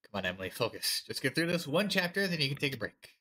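A man's voice: mid-range voice, very animated, fast talker, bright, forceful tone, slight background noise. A man voicing a caring, weary teenage girl who is an older sister, reading game dialogue aloud in a fond, chatty way. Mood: tired.

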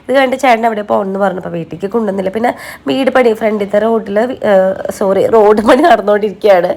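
Lady doing casual vlog narration, talks really fast, malayalam with english words mixed in. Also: medium pitch, creaky, a little mellow. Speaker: family vlogger.

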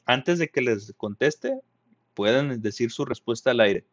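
Slow patient teacher. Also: male voice, mid-range voice, expressive, no room sound, muffled recording. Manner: slow, patient explaining with questions to pupils. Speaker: primary school teacher. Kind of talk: recorded math lesson for children.

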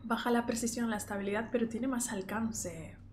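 A woman's voice: fairly high pitch, brisk, a little hiss or hum. A young woman with a Spain Spanish accent giving casual gameplay commentary as a streamer, shrieking and swearing at the action, then reading item menus aloud to herself.

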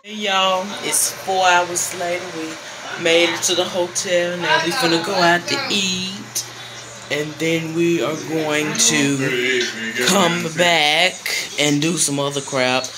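A young man talking casually to his phone camera for a family travel vlog, with relaxed slangy greetings, recorded outdoors and in a hotel room. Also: fairly high pitch, slow, heavy background noise. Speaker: vlogger. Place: outdoors in parking lots and inside a hotel room. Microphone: handheld phone at arm's length.

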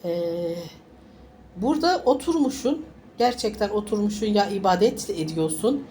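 Congested woman giving a halting fortune reading. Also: mid-range voice, lively intonation, mellow, slight background noise. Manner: halting, reassuring, repeats phrases. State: congested with a summer flu, sniffly. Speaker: fortune teller. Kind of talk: informal coffee-cup style fortune reading to viewers.

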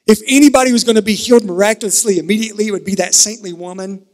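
A man from Kentucky preaching a sermon at a pulpit microphone, earnest, shifting between emphatic and hushed. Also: high-pitched, steady tone, rapid-fire. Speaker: pastor. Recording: reverberant sanctuary, pulpit mic.

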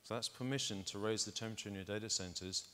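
A man's voice: lowish voice, fast talker, pushed and bright. A middle-aged man on a conference stage, talking into a lapel mic and walking the audience through test data step by step. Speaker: keynote speaker. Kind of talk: conference keynote presentation.

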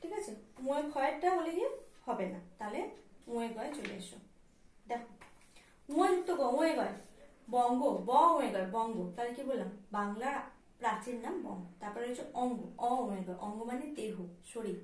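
A woman with a fairly high voice and a West Bengal accent teaches young children in a slow, patient way, spelling words out letter by letter. She sounds a little way off from the mic. The room around her is echoey. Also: lively intonation, distant mic. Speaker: primary school teacher. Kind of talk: recorded class lesson.

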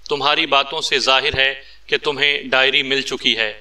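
Man narrating stern spy chief, curt orders, bright tone, far mic. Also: medium pitch, little pitch movement, normal speed. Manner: curt, commanding. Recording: distant mic.

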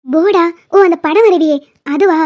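A woman voicing a kindly, doting elderly grandmother in an animated series. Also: very high voice, moderate pace. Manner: warm, doting, affectionate. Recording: dull lo-fi sound.

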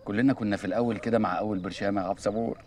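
A man's voice: lowish voice, steady tone, very fast, darkish tone, slight background noise, natural voice. An actor playing a sarcastic man who teases his panicked friend, speaking with an Egyptian accent. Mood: mocking. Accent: Egyptian Arabic. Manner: sarcastic, teasing, jokey. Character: mocking, teasing man named Abbas, always joking. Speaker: friend at a crime scene. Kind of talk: Egyptian TV comedy acting.

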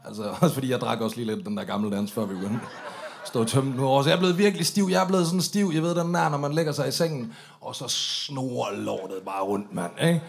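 On stage, a comedian tells a stand-up story in a creaky, medium-pitched male voice, swearing freely and mimicking the drunk voices of the people in it. There's slight background noise.

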